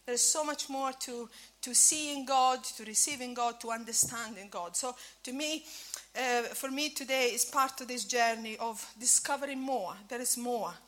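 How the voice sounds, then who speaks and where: A native Italian speaker from Italy, now in her fifties, preaches informally at a church breakfast, her speech full of fillers and restarts. Her Italian accent carries a little Scottish. The voice is slightly high and a bit bright, keeping a moderate pace with few breaks.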